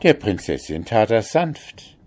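A man reading a fairy tale aloud in a measured storytelling manner. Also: lowish voice, very animated, a little mellow.

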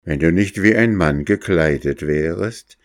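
A man voicing a kindly old grey fisherman in a fairy tale, slow and fatherly. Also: low-pitched, no room sound, clean studio sound. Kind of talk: storybook reading.

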